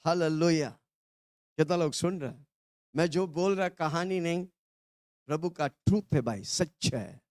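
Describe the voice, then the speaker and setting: A high-pitched man from India preaching, leading his listeners in call and response. He keeps urging them to shout phrases back and breaks into hallelujahs. The sound is close and dry. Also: measured pace, pauses often, no room sound. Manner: urges the congregation to repeat phrases, shouting hallelujahs.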